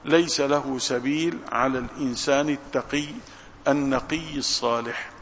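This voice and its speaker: A man giving an Islamic religious lesson, measured and emphatic, slowing down to stress quoted scripture. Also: mid-range voice, fairly even intonation, fairly bright tone, a little hiss or hum. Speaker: Islamic preacher. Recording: dull recording with long hall reverb.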